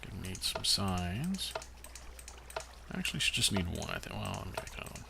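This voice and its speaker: Over background noise, a man with a low, brisk, very animated voice and vocal fry chats casually about his game. Hiccuping throughout, this gaming host rambles, fills gaps with "uh," and mutters to himself as he plays.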